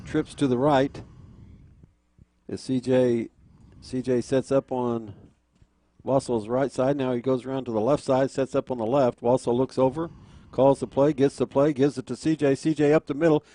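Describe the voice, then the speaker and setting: A man's voice: mid-range voice, steady tone, moderate pace, warm tone. An American man calling a football game live as the play-by-play announcer. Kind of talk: live play-by-play sports commentary.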